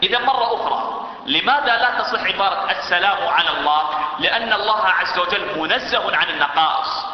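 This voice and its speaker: A man's voice: high voice, expressive, a little fast. A man giving a religious lesson, often repeating key phrases and putting questions to his listeners. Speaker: religious teacher. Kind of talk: religious lesson to a seated audience. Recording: echoey hall, dull sound.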